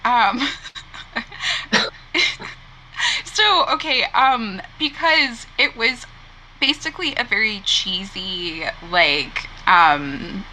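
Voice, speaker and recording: A woman's voice: a little high, animated, extremely slow, long pauses, sharp tone, slight background noise, rough recording. A young adult woman hosting a podcast, telling a story in a rambling casual way, full of "like" and "you know". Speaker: podcast host.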